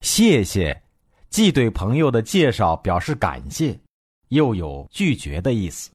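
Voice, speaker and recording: A man voicing a calm, smiling male professor who explains things gently and softly. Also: on the low side, measured pace, slightly rough, dry recording, clean studio sound, exaggerated voice. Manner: gentle, soft-spoken, explanatory.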